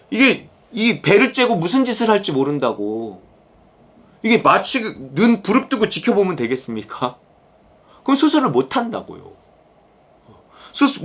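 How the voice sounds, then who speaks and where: A pastor from South Korea preaching a conversational sermon, emphatic and animated, sometimes acting out prayers. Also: mid-range voice.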